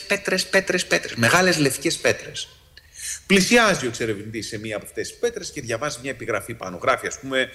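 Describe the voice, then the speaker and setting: A man, a psychologist, telling a story to an audience in a lively way, with many restarts and sudden jumps in pitch for quoted speech.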